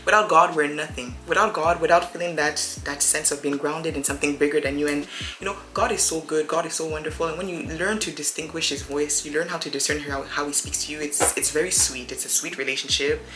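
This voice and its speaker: Quick, chatty woman in her thirties for a get-ready-with-me vlog; low, bright voice in a roomy space. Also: fairly even intonation. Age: 30s. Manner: chatty and rambling, addresses viewers as friends. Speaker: beauty vlogger. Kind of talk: get-ready-with-me casual chat. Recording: roomy echo with faint music behind.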